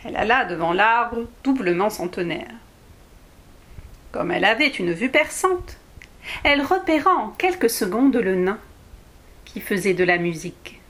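A woman reading a children's storybook aloud, expressive, sometimes dropping toward a whisper. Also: mid-range voice, measured pace, pauses often.

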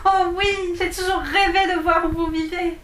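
Une femme qui joue une fillette de six ans, têtue et rêveuse, aux exclamations vives, dans un conte lu à voix haute. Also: female voice, expressive, bright, forceful tone, exaggerated voice. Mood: delighted. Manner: high and sulky, quick to exclaim. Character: girl of six, stubborn and dreamy. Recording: echoey room.

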